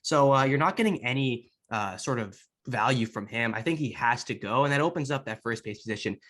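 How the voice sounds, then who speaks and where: A young man talks quickly in a casual sports-podcast style. He is chatty and rambling, telling things as they come, in a mid-pitched voice. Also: animated, a bit bright.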